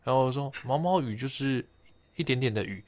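A young man speaking Mandarin with a Taiwanese accent, co-hosting a relaxed podcast and chatting at an easy pace. His voice sits at an ordinary middle pitch. He tells stories and reads definitions aloud in a friendly, storytelling way. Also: fairly quick. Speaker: podcast co-host. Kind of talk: casual chat.

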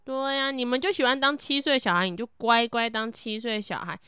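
A woman co-hosting a podcast, chiming in with quick remarks in casual chat. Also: fairly high pitch, fairly even intonation, pushed and bright, clean tone, no room sound, studio quality. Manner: quick supportive interjections. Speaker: podcast co-host.

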